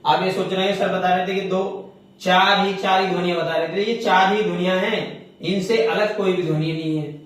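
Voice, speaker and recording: A man teaching grammar in a classroom, with a fairly high voice. He puts questions to the students and answers them himself, and he repeats each key term. The sound is very echoey and he stands well away from the microphone. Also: steady tone, moderate pace. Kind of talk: classroom lecture. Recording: echoey room, mic far off.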